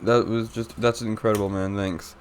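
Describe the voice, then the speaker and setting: Lowish voiced young guy rambling on a podcast, cuts himself off a lot, dry teasing. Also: moderate pace, background noise. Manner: rambling, self-interrupting, deadpan teasing. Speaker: podcast co-host. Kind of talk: casual chat.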